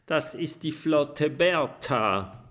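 A man's voice: a little high, animated, extremely slow, fairly bright tone, pitched above the performer's own voice, heavily acted. A man voicing a young boy dragon in a children's audiobook, eager and adventurous. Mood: musing.

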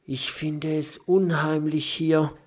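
A man's voice: a little high, flat delivery, slow, pitched above the performer's own voice. A man voicing a timid young female porcupine who whispers nervously in a storybook reading. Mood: uneasy. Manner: whispering, nervous, stuttering when scared.

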